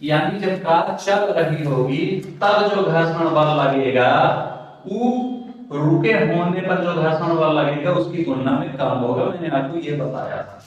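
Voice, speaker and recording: A man's voice: fairly high pitch, a little slow, lo-fi sound. A male physics teacher giving an exam-prep lecture, asking questions to the class and answering them himself. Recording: very echoey room, mic far off.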